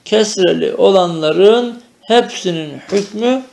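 A man with a somewhat high, gravelly voice teaching a traditional Arabic grammar lesson. He recites verb forms in rhythmic chanted drills. Between them he explains in Turkish and keeps checking that his students follow. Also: slow, darkish tone, reverberant.

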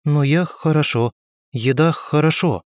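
A man voicing an anxious young foreigner who speaks in broken, halting grammar. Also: a little high, no room sound, studio quality, pitched above the performer's own voice, close to an everyday voice. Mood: uneasy.

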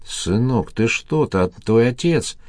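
A man's voice: mid-range voice, expressive, slow pace, a little mellow, dry recording. A man reading an audiobook, voicing a distraught middle-aged mother pleading for help. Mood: desperate.

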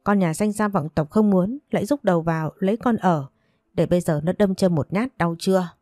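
A woman voicing a domineering old mother-in-law who scolds fast and loud in a storybook reading. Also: on the low side, no echo, clean studio sound, faint music behind, lightly acted. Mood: furious scolding.

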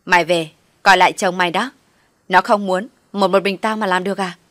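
A woman voicing an older woman who loudly snaps back at her attacker, in a dry recording. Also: fairly low pitch, steady tone, fairly quick, dry recording, natural voice. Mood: defiant. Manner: loud, defiant retorts.

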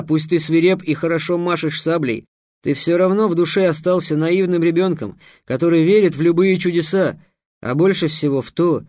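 A man's voice: a little high, darkish tone, no echo, clean studio sound, close to an everyday voice. A man reading as a mocking young mage. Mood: scornful. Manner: scornful, lecturing. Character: young sarcastic male mage, bold and mocking.

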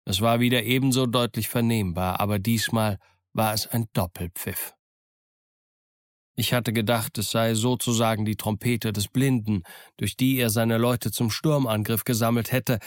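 A man narrating an audiobook in a steady, measured storytelling voice. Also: lowish voice, no room sound, clean studio sound. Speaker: audiobook reader. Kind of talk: scripted first-person narration.

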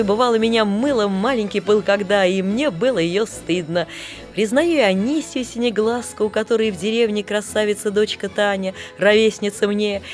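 A woman narrating an audiobook in a gentle, expressive first-person storytelling manner. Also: mid-range voice. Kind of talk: scripted narration.

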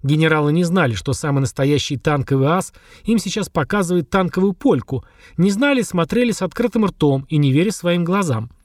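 Man narrating an audiobook, fairly high voice. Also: lively intonation, fairly quick, no room sound, studio quality. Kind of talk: scripted narration.

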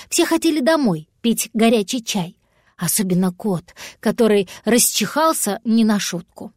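A woman calmly narrating a children's storybook in a clear reading voice. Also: on the high side, no room sound, clean studio sound.

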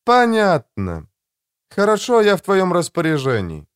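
A man's voice: high-pitched, wildly swooping pitch, a little slow, smooth, pitched above the performer's own voice, heavily acted. A man reading an audiobook, voicing a blunt, proud female army captain in a raised, clipped, insistent voice. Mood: curt, demanding. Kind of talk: audiobook character voice.

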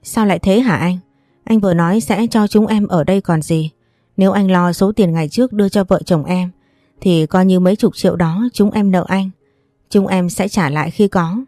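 A woman's voice: mid-range voice, normal speed, mellow, no room sound, clean studio sound, natural voice. Woman doing a pushy sister-in-law, whiny and wheedling, faint music behind. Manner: wheedling, complaining. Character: pushy middle-aged sister-in-law, scheming.

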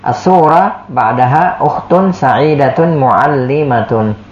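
A man teaching an Arabic lesson at an unhurried pace, patient and repetitive, with a steady mid-range voice. The recording is echoey and dull, like a lo-fi room capture. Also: medium pitch. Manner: patient, repeats words and says "ya" often. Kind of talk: classroom lesson, explaining Arabic in Indonesian.

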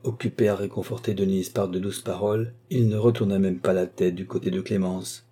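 Low, husky male audiobook narrator. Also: fairly even intonation, fairly quick, mellow. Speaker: audiobook reader. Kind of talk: scripted novel narration.

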